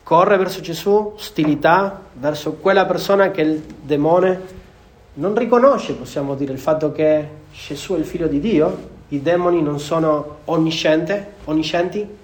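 A man with a notably high voice delivers a sermon as a preacher. He speaks earnestly, restating key phrases for emphasis as he explains the passage to his listeners. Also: a little slow.

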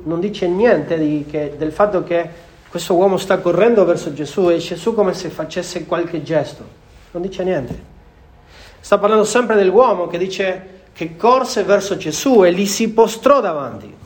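High-voiced man preaching a sermon. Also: lively intonation, measured pace. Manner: earnest, repeats phrases for emphasis.

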